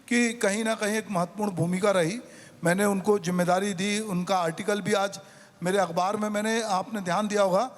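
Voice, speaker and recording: A man with a high voice hosts a literary gathering as a newspaper editor, speaking courteously. The sound carries a long hall reverb. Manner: courteous, thanks speakers and recites poetry. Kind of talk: hosting a public literary session.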